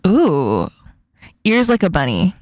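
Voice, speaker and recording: A woman's voice: fairly low pitch, wildly swooping pitch, takes it slowly, a little mellow, no echo. A woman in a playful casual chat, teasing and giggling as she plays a question game.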